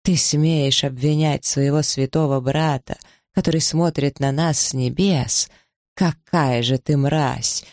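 A man's voice: fairly high pitch, steady tone, darkish tone, dry recording, studio quality. A man voicing a bitter, scornful mother. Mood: furious. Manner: scornful, slow and cutting. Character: bitter, harsh older mother, pious and scornful.

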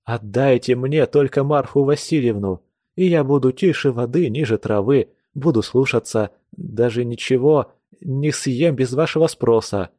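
A man's voice: mid-range voice, a little slow, warm tone, no echo, studio quality, natural voice. A man reading an audiobook, voicing an impulsive, eager young man who pleads his case. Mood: pleading.

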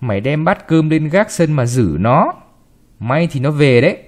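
A man's voice: fairly high pitch, very animated, normal speed. A man voicing a stout, harsh woman of the house who scolds her young servant, in a read-aloud story.

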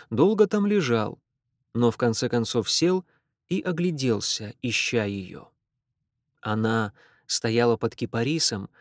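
A man narrates a literary story at a measured, expressive pace in a mid-range voice. The recording is dry and close, with no room sound. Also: mid-range voice, dry recording.

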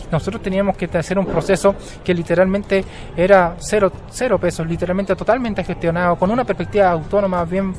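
A man's voice: sits high, slight background noise. A young man, a Mapuche language teacher telling his story in a casual interview, hesitant with many fillers and restarts. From southern Chile. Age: 20s. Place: outdoors at a bus terminal.

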